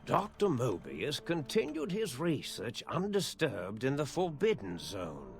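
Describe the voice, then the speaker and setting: Game epilogue narrator: grave and wistful, very deliberate pacing, crackly gravel in a slightly high voice. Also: male voice, huge pitch swings, faint music behind. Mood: solemn. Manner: measured, solemn. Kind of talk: scripted video game narration.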